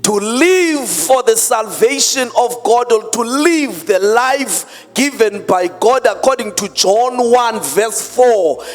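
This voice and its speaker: High-voiced preacher at a pulpit microphone. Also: male voice, animated. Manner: emphatic, drawn-out preaching with mixed-in Xhosa words. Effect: speaking into a pulpit microphone. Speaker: pastor. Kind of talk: sermon. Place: church hall. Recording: long hall reverb, faint music behind.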